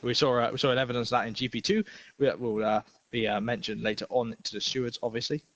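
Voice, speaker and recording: A young man commentates an online racing league in dull, lo-fi stream audio, joking and rambling with lots of fillers. Fast and steady in tone, his mid-range voice is fairly bright, though he sounds a little breathless and sick.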